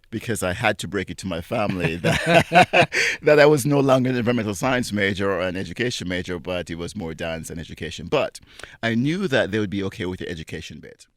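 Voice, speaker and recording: A man's voice: sits low, a bit bright, dry recording, studio quality. A man in his forties from Jamaica, speaking earnestly and reflectively as an interview guest. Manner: earnest, reflective, laughs between thoughts. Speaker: interview guest, dancer and teacher. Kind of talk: conversational interview.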